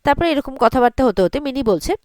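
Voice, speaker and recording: A woman recapping a television serial episode, quickly retelling the scenes and lightly voicing the characters' lines. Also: sits high, animated, darkish tone, no room sound, studio quality.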